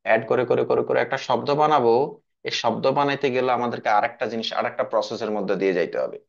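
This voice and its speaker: A man's voice: mid-range voice, fast, creaky, dull audio. A man teaching an English class, often questioning his students and repeating himself. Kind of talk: classroom lesson.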